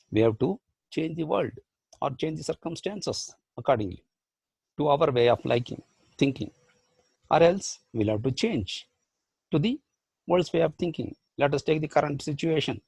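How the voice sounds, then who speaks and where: Gravelly Indian man giving a motivational lecture. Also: a little high, lively intonation, normal speed, long pauses, a little mellow, no room sound. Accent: Indian English. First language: Badugu. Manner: rhetorical questions, repeated phrases. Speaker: professor and life skills trainer.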